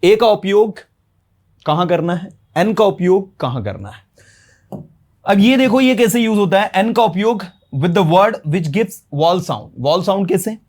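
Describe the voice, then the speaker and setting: Slow and high-pitched with a darkish tone, a man with a Hindi accent teaches English grammar classroom-style. He blends Hindi explanations with English terminology, raising rhetorical questions and answering them.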